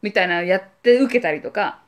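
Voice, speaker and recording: A woman's voice: mid-range voice, fairly quick. A woman speaking, co-hosting a podcast and telling a story in casual chat, acting out voices and sound effects as she goes. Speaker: podcast co-host.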